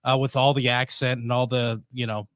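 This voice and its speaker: A man co-hosting a casual podcast chat, talking in an easygoing, halting way. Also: mid-range voice, little pitch movement, fairly bright tone, no echo, studio quality. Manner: easygoing, halting with fillers and restarts. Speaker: podcast co-host.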